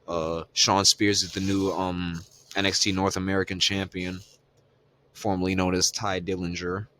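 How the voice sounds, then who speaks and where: Deep-voiced man recapping wrestling casually. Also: level tone, moderate pace, bright, forceful tone, slight background noise. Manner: loose and profane, lots of fillers. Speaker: podcast co-host.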